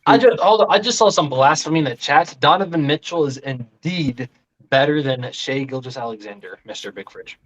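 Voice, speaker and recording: A man's voice: medium pitch, a little fast, a bit bright, muffled recording. A man trash-talking and teasing others as a guest in a casual live sports chat.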